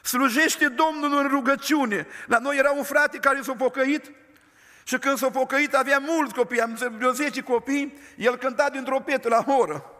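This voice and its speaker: An older male preacher with a very high, bright voice tells stories from the pulpit. He leans hard on his words and draws out key phrases. His voice rings with the long reverb of a big church hall. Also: fairly even intonation. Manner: emphatic, slows words for stress. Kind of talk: storytelling sermon.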